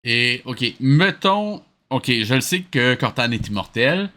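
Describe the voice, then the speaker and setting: A man with a Quebec French accent mocks an old cartoon, his casual commentary exasperated, sarcastic, and laced with some swearing. His mid-range voice is very animated and sharp in tone, though his pace stays measured. Cartoon soundtrack music plays behind him.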